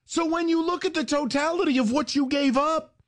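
A man's voice: extremely high pitch, brisk. A male sports talk host ranting sarcastically with mocking jabs and heated emphasis.

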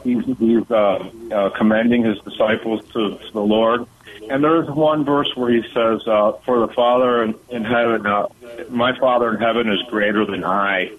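A man's voice: on the low side, steady tone, normal speed. A man calling in to a radio show over the phone, asking a question hesitantly with many fillers and restarts. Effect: heard over the phone. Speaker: caller. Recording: tinny phone line.

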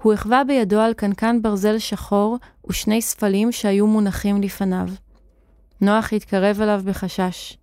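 A woman's voice: mid-range voice, flat delivery, mellow, clean tone, no echo, clean studio sound. Woman reading a children's story. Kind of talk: scripted children's story narration.

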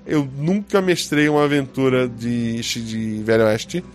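A man's voice: medium pitch, steady tone, a little slow, faint music behind. A man with a Brazilian Portuguese accent, hosting a podcast as game master, chatting casually and teasing listeners. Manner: joking, teasing, reads listener comments.

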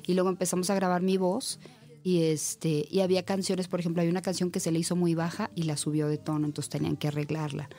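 A young woman singer with a Mexican accent, chatting as an interview guest and telling stories in a lively way, often laughing. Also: lowish voice, fast talker. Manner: lively storyteller, laughs often, acts out quoted dialogue. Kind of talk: casual interview chat.

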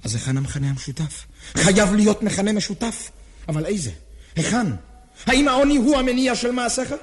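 A man's voice: high voice, lively intonation, husky. An actor playing an anxious, earnest man who pleads and rambles with nervous laughs in a stage drama. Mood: anxious pleading. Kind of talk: theatrical drama acting.

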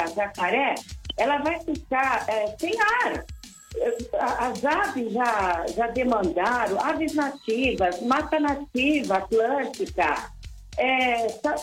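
A woman's voice: on the high side, animated, slow pace. Woman, phoning in to a radio show, earnest, pleading, hesitant restarts, echoey phone line. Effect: heard over a phone line. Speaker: listener calling in to a radio show. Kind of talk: live call-in to a radio program. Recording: echoey phone line, faint music behind.

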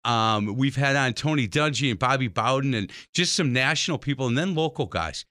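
A man hosting a radio talk show, telling stories in a lively, jokey way. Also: a little fast, dry recording, studio quality. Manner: animated, jokey, swings pitch widely when telling stories. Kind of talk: lively conversational storytelling.

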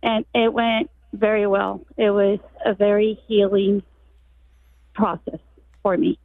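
A woman's voice: mid-range voice, level tone, takes it slowly, no room sound. Woman, radio caller, heard over the phone, tinny narrow line, dry sound, earnest and encouraging. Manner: earnest, encouraging, a little hesitant. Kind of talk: call-in comment on a radio show.

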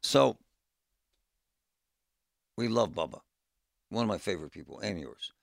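A man's voice: sits low, lively intonation, a little slow, vocal fry, no echo. A man co-hosting a morning radio show in a studio, boisterous and jokey as he needles his co-host. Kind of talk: casual morning radio chat.

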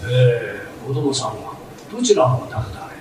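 A man playing a calm, kindly old neighborhood elder in a comic story, heard from afar in a roomy, noisy hall. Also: medium pitch, normal speed, distant mic, pitched below the performer's own voice, natural voice. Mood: calm, fatherly.

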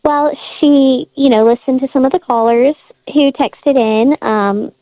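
A woman's voice: high-pitched, unhurried, no room sound. A woman calling in to a radio show, her voice disguised by a morphing voice changer, talking hesitantly with many fillers. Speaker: radio call-in caller. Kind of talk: casual phone chat. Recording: dull lo-fi phone line.

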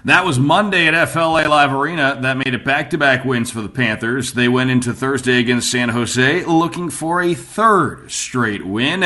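Male sports recap host, mid-pitched, bright and punchy delivery. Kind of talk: recap narration introducing clips.

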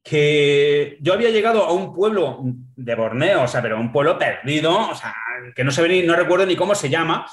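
A man's voice: on the high side, lively intonation, moderate pace, echoey room. A man from Spain, a guest traveler and author, telling rambling, frank stories in a casual interview, with many fillers and tag questions. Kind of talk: casual radio interview storytelling.

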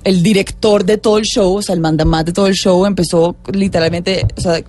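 A woman's voice: fairly low pitch, fairly quick, faint music behind. A young woman, a guest in a casual talk-show interview, telling an anecdote with energy and acting out what other people said. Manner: animated storyteller, acts out what others said.

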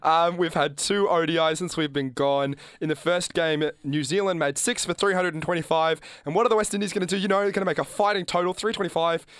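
A man's voice: a little high, fast talker, few pauses, clean tone, no echo. A man co-hosting a casual sports chat, talking loosely and laughing often. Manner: chatty, laughs often, animated when joking. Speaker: podcast co-host.

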